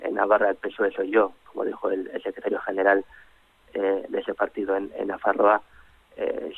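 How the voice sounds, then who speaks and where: A man with a low, flat voice gives his take on a radio panel. He rambles with many restarts and fillers, and the sound is narrow and phone-like. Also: breathy edge, no room sound. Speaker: radio political commentator.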